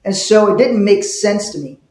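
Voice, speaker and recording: A middle-aged Liberian wealth manager, appearing as a guest in a casual interview, tells stories and laughs now and then. His voice sits high, slightly mellow and animated, at a moderate pace, with roomy echo around it.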